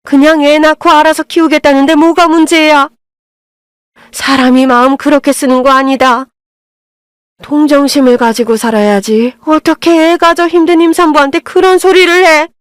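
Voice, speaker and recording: A woman playing a shrill, furious mother-in-law. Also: fairly even intonation, moderate pace, dry recording, clean studio sound, close to an everyday voice. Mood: scolding. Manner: shrieking, wailing and self-pitying. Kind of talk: audio drama reading.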